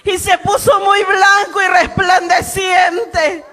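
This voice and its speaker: A woman giving an impassioned religious testimony, shouting and pleading fervently. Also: very high-pitched, level tone, slow pace, noisy background. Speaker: testimony preacher.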